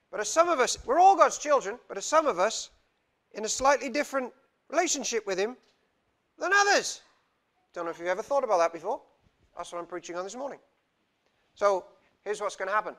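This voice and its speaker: A young adult Welshman with a high-pitched, fairly bright voice preaches informally as a visitor to a small church. His sermon is chatty and self-deprecating, he gestures freely, and a lapel mic records him in the indoor hall.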